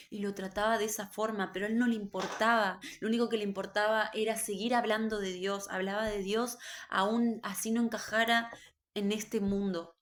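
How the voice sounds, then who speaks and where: A woman giving an earnest, emotional religious testimony about a vision, told slowly. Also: mid-range voice, slight background noise. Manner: earnest, slow, emotional storytelling. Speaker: believer recounting a vision.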